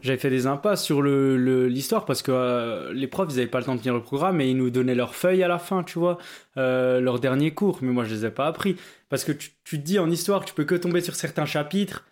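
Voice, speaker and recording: A man's voice: medium pitch, fairly quick, a little mellow. A young man co-hosting a podcast, chatting casually and hesitantly while giving study tips. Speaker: podcast co-host. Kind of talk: casual chat.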